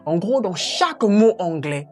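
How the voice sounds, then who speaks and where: A woman's voice: medium pitch, big pitch swings, measured pace, darkish tone, soft background music. A woman teaching English pronunciation online, talking directly and encouragingly to the viewer.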